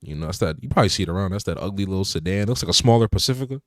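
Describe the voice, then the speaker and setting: A young man with a deep, low voice talks cars in a relaxed, rambling way, leaning on filler words. The sound is close and dry, with no room around him. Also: racing, no room sound. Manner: laid-back, many fillers like "you know". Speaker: podcast co-host. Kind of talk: casual car chat.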